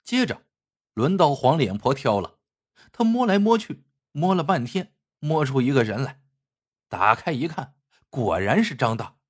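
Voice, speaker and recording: A man telling a folk tale with a lively storyteller's cadence. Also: mid-range voice, unhurried, long pauses, slightly rough.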